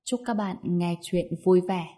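Low-voiced woman storyteller. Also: measured pace, warm tone. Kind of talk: scripted story narration.

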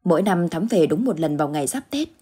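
A woman narrating a ghost story in steady, measured scripted storytelling. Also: on the low side, husky.

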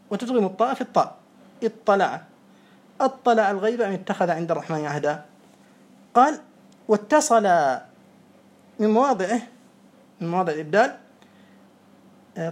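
Patient classroom teacher, methodical, repeats examples and quizzes a pupil. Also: medium pitch. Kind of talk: classroom lesson.

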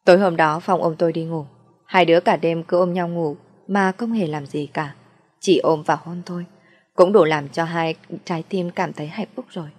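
A woman's voice: on the low side, steady tone, normal speed, darkish tone, faint music behind. A woman narrating a first-person story in a plain, confiding way.

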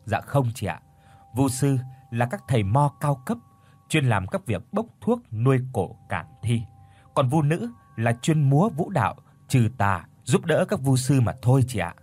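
Man doing a patient young shaman woman, lively pitch, husky. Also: a little slow, soft background music. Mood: explaining. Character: calm knowing young female shaman.

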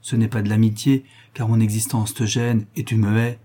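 A man's voice: fairly low pitch, little pitch movement, moderate pace, warm tone, lightly acted. A man reading aloud and voicing a composed married woman who scolds firmly and reproachfully. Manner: firm, reproachful.

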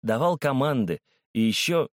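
A man's voice: medium pitch, animated, normal speed, dry recording, clean studio sound. A man narrating a children's storybook aloud, doing all the character voices.

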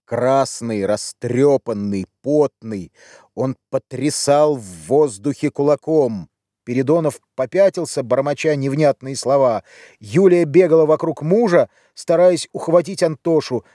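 A man reading a classic novel aloud in measured, expressive scripted narration. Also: mid-range voice, dry recording, clean studio sound. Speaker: audiobook reader.

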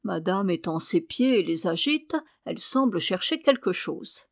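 Une femme qui lit un roman à voix haute avec un ton vivant et expressif. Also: female voice, on the low side, unhurried, gravelly, dry recording, clean studio sound. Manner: lively, expressive storytelling. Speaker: audiobook reader. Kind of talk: literary reading.

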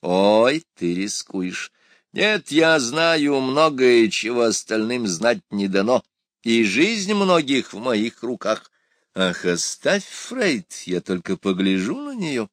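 Brief: man as a grandiose lecherous emperor, theatrical and slow, dry close sound. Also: very animated, no echo. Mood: exuberant. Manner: theatrical, high and loud, drawn-out.

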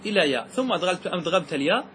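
A man's voice: high-pitched, animated, fairly bright tone, slight background noise. Man teaching grammar, quizzing his class. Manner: asks students questions, slows to stress key words. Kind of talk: classroom lesson explaining verse.

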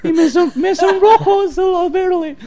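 In an improvised comic radio sketch, a woman plays a boastful, flirty American nun, speaking Spanish with an American accent and constantly slipping into English. Her voice is extremely high and measured in pace, giddy, giggly and rambling, with a crowd audible behind her.

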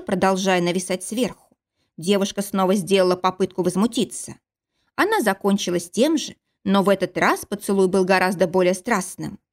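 Woman narrating a fantasy romance audiobook. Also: medium pitch. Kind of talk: scripted narration.

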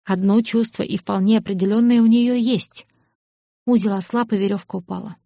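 A woman reading scripted audiobook narration in a measured, expressive way. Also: mid-range voice, creaky, dry recording. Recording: dull lo-fi audiobook recording.

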